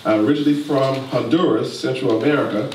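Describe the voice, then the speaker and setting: A man's voice: mid-range voice, darkish tone. A man pastor giving a church leadership talk, urging the congregation to answer back in a preacherly way. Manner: preacherly, slow emphatic asides, prompts the congregation. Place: church sanctuary. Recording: echoey church room, distant mic, noisy.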